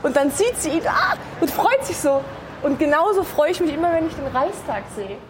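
A woman's voice: high-pitched, very animated, moderate pace, noisy background. A woman who is a member of parliament, chatting and telling stories in a documentary interview. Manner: chatty, storytelling.

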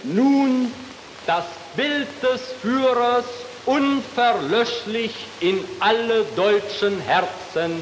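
A man giving a slow, pompous, declaiming address, heard as an old AM radio broadcast. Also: very high voice. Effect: old AM radio broadcast sound. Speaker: speaker in an archival radio address. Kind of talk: solemn 1930s broadcast speech. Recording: hissy, echoey 1930s radio recording.

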